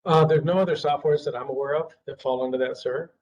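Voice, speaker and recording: A man's voice: a little high, fairly even intonation, fast talker, a little mellow. A man answering questions for a city department in a hesitant, apologetic way. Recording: dull audio, slightly distant mic, faint background hum.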